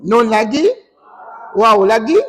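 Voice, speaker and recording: A man with a Malaysian Malay accent leads a recitation class, quizzing the room and then drawing the verses out slowly. His voice sits very high for a man. It rings with long reverb from a mosque hall. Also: lively intonation. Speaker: Quran recitation teacher. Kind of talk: classroom tajwid lesson.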